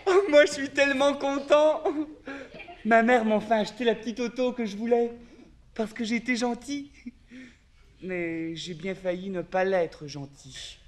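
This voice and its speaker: A man's voice: extremely high pitch, steady tone, unhurried. A giddy little boy on stage. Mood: overjoyed. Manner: gushing, giggly, breathless delight. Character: excited little boy proud of new toy car. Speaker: stage actor. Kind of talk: children's theatre acting. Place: theatre stage.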